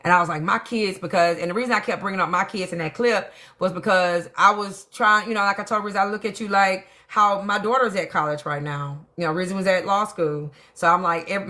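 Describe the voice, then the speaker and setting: A woman's voice: fairly low pitch, steady tone, quick pace, hardly any pauses, sharp tone. A middle-aged woman, hosting a casual live stream, telling her side bluntly and profanely while greeting viewers by name. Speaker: livestream host.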